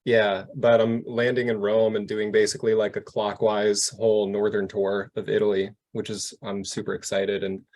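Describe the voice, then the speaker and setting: A man co-hosting a podcast, relaxed in casual chat and quick to agree. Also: fairly low pitch. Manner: easygoing, frequent short agreements. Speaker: podcast co-host.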